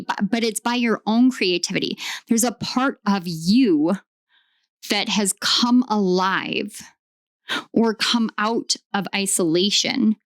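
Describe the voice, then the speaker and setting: A woman giving a channeled tarot reading, talking with eager enthusiasm and often pausing to search for the right words. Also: medium pitch, dry recording, clean studio sound. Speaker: tarot reader.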